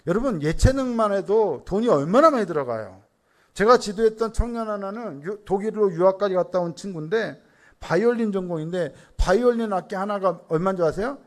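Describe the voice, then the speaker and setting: Rhetorical male pastor, high and lively. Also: brisk. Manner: asks the congregation rhetorical questions and answers them himself; tells personal family stories in a conversational tone. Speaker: senior pastor. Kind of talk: Sunday sermon.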